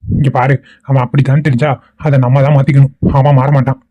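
A man's voice: mid-range voice, fast, lightly acted. A man voicing an easygoing, teasing cartoon dad. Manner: calm, teasing, lecturing. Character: easygoing middle-aged father indulging his son.

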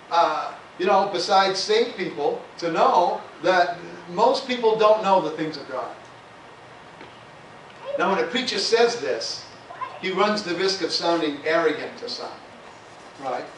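A male pastor giving a conversational sermon, often adding "amen" and "hallelujah" between points. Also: high voice. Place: church sanctuary. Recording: echoey church room, voice from far off, faint hiss.

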